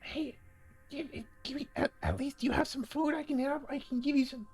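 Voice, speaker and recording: A starved little goblin prisoner hanging in chains, pitched far above a normal voice. He trips over his words and pleads without letup. It is a tabletop game voice. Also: fairly even intonation, moderate pace, a little mellow, faint music behind. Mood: pleading, desperate. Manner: stammering, desperate pleading.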